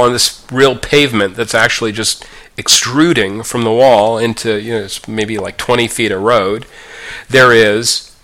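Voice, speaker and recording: Amused, bright-voiced man rambling through a story. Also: mid-range voice. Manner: amused, rambling with many fillers. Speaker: podcast co-host. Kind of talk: casual anecdote telling.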